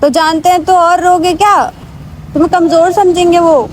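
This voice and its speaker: A woman's voice: extremely high pitch, fairly even intonation, moderate pace, slight background noise, poor audio. A young woman talking a man as she vlogs, pleading and soothing, mixing into her speech and repeating herself often. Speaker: vlogger. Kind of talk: emotional staged vlog conversation.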